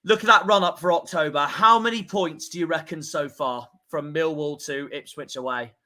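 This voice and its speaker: A man's voice: a little high, normal speed, sharp tone. A young man hosting a casual football fan stream, talking loosely with lots of filler. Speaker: host. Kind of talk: football fan podcast chat.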